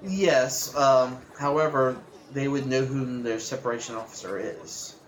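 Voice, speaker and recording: A man's voice: medium pitch, unhurried. Matter-of-fact man at a tabletop game. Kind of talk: casual in-character talk.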